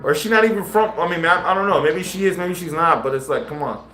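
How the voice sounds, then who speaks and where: A man's voice: high voice, fast, bright, forceful tone. A man live-streaming casual commentary, talking in slang straight to his viewers. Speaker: livestreamer. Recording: roomy echo with faint music.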